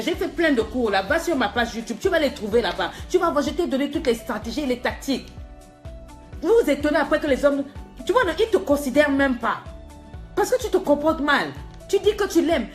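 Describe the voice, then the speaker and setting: A woman life coach preaching to her viewers, scolding them emphatically and firing rhetorical questions. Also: high-pitched.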